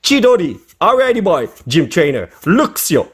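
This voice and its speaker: A man with a high, bouncy voice chats through a late-night card opening. He is short on sleep, yet excitable, and he shouts and laughs at good pulls. English words slip into his casual talk. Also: unhurried, husky. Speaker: YouTuber opening Pokémon cards. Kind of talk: casual vlog chat.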